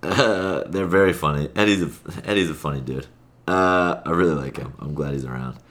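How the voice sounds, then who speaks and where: A man with a very low voice chats loosely about his league. He rambles and restarts his sentences, then speeds up when something excites him. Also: normal speed. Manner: rambling, self-correcting, with sudden bursts of excitement. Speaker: podcast host, league player. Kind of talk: casual chat.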